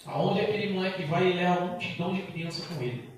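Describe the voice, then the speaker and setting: A middle-aged Brazilian deacon preaching an impassioned Pentecostal sermon, pleading and breaking into loud bursts. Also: male voice, high-pitched, fast. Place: church sanctuary. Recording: very echoey church hall, distant mic.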